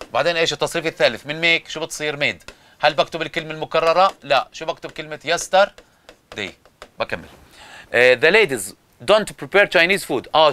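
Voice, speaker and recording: A man's voice: a little high, fairly bright tone. A man with a Jordanian Arabic accent explaining English grammar rules, asking and then answering his own questions and repeating each step. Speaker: English teacher.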